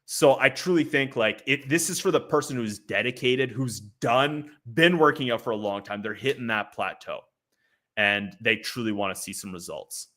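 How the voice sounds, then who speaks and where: A man's voice: medium pitch, moderate pace, a bit bright. A man hosting a casual livestream commentary, chatty and loose, with lots of filler words and laughing asides. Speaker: livestream host. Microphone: streaming setup.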